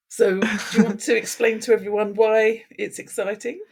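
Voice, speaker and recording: A woman's voice: mid-range voice, level tone, normal speed, vocal fry, a little mellow, breathy edge. Teasing middle-aged British woman. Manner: teasing, corrects and interrupts playfully. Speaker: podcast co-host. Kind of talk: casual chat.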